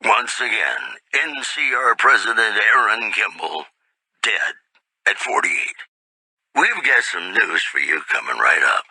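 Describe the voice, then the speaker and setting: A man's voice: fairly low pitch, sing-song, takes it slowly, sharp tone, breathy edge, dry recording, heavily acted, rough recording. A man playing a suave, folksy radio newsman in a post-apocalyptic game, reading an old-time newscast with a wry, intimate showman's delivery. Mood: folksy, playful. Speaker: radio news presenter.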